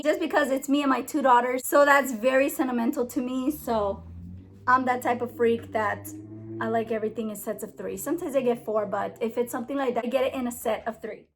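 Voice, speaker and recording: High-pitched chatty woman showing a haul. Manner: chatty, enthusiastic, giggly over a tongue-twister. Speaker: haul vlogger. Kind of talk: casual haul video chat.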